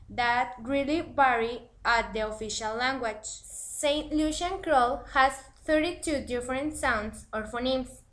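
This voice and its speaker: A woman presenting a scripted language lesson, reading it aloud in a deliberate way. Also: sits high, a bit bright, poor audio.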